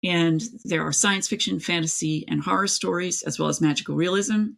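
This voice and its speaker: In a casual, chatty interview, a middle-aged East Tennessee author from the United States speaks a little fast in a lowish voice with vocal fry, sounding a bit bright with fairly even intonation. She talks emphatically and tells things in a rambling way.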